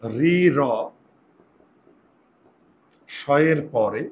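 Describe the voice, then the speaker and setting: A man's voice: mid-range voice, slow. A man teaching a Bengali grammar lesson, patiently repeating key points and asking and answering his own questions.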